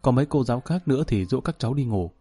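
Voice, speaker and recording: A man narrating a novel as a storyteller, in a calm, measured way. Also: mid-range voice, husky, faint music behind. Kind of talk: audiobook narration.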